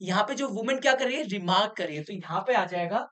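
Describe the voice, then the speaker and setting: A woman teaching an English lesson in Hindi, often asking the students rhetorical questions to check they follow. She reads English sentences slowly, then explains them in Hindi. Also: medium pitch, animated, a bit bright.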